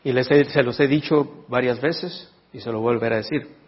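A husky male pastor teaches his congregation, often stopping to ask whether they follow. His voice rings with a long reverb through a church hall, and the recording is dull. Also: mid-range voice, moderate pace. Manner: teaching, asks the congregation questions. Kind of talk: sermon.

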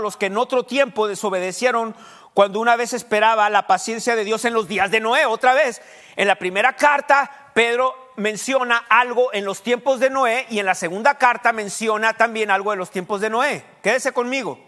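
A man's voice: sits high, steady tone, a little fast, pushed and bright. A male pastor preaching a teaching sermon, quizzing his congregation and dropping English fillers. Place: church hall. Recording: echoey church hall.

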